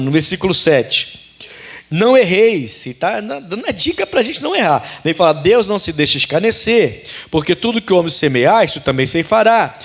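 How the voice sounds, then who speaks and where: A Brazilian pastor preaches with emphasis, hammering home his points by repeating them. His voice sits high for a man. It rises and falls widely as he drives each point home. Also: a bit bright. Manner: emphatic, repeats key phrases. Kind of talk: sermon. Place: church service.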